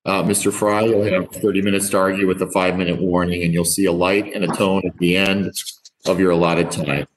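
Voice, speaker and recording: A man with a lowish voice presides formally as a judge. He gives procedural instructions with some hesitation, over faint background noise. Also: flat delivery, brisk, rough recording. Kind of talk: formal court proceedings talk.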